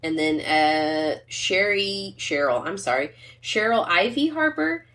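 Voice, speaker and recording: A woman's voice: fairly low pitch, expressive, slow pace, fairly bright tone. A woman co-hosting a podcast in casual, rambling chat, reading a wine label aloud. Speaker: podcast co-host.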